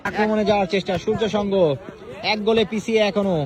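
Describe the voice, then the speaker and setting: A man giving frantic, excited live football commentary, repeating phrases as he follows the play. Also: high voice, quick pace. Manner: frantic, repeats phrases, bursts into shouts on shots and goals. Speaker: football commentator at a village match. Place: outdoors at a football ground. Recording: crowd noise, outdoor village field. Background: crowd.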